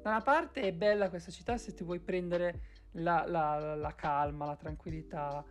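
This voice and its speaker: A woman's voice: fairly low pitch, normal speed. A young adult woman, chatting casually on a live stream in an emphatic, rambling way, repeating words for stress. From Carrara, Italy. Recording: background music behind voice. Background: music.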